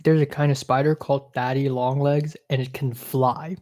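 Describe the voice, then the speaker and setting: His voice is medium-pitched, level and a bit dark, delivered at normal speed. He's a young Hong Kong man with an American accent, casually answering livestream viewers with blunt jokes at his own expense.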